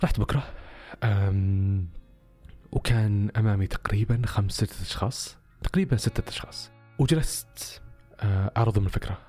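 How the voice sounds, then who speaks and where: A man's voice: fairly low pitch, a little fast, darkish tone, soft background music. A man telling a personal story casually on a podcast, with many rhetorical questions.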